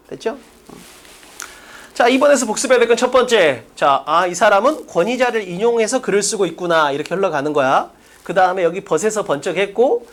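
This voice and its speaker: A man's voice: very high voice, fairly bright tone. A man teaching an English class, lecturing bluntly in casual speech and drilling students with rhetorical questions.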